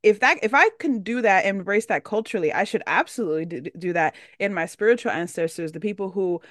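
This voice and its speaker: A woman's voice: medium pitch, quick pace, fairly bright tone, dry recording, clean studio sound. A woman from the Dominican Republic hosting a faith podcast, effusive and full of fillers, reacting with lots of wows. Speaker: podcast host. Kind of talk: casual faith podcast conversation.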